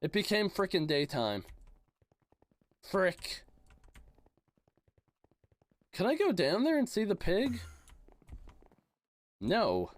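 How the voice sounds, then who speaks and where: A man chats on a livestream with a bouncy, animated voice that rises and falls a lot. He teases his viewers in playful gamer slang. His voice sounds worn and a little hoarse. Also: sits high, slow, long pauses, dry recording. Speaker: game streamer. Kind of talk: casual livestream chat, reading chat aloud.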